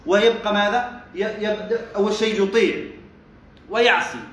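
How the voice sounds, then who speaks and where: Here a man teaches from a classical text, giving step-by-step commentary, questioning students and mixing dialect asides into formal speech. His high, fairly bright voice holds a steady tone at a moderate pace, recorded in a very echoey room with a little hiss or hum.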